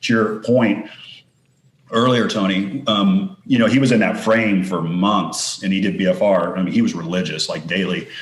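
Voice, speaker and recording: A physical therapist from West Texas, with the region's accent, explains things as a guest on a casual podcast interview. His low voice moves at a moderate pace in an echoey room, and he sounds relaxed, restarting sentences often.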